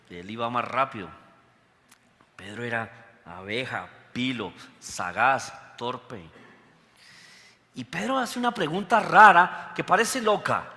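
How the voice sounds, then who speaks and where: A man preaching a lively sermon as pastor, full of rhetorical questions. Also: mid-range voice. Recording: long hall reverb.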